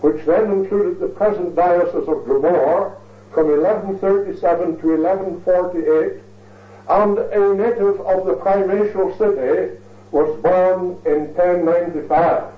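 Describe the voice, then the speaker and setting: Man, high voice, formal lecturer, ornate delivery, heard through a thin, phone-like recording. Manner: measured, ornate, repeats phrases for emphasis. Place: lecture hall. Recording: tinny, echoey recording from far off.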